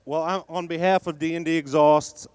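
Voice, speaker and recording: A man's voice: on the high side, steady tone, normal speed, darkish tone, clean tone, dry recording. A man representing a sponsor, making a short informal award presentation on a podium.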